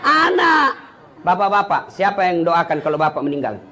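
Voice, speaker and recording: High-voiced joking preacher. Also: male voice, normal speed. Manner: teasing, animated, quizzes the audience. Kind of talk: humorous sermon.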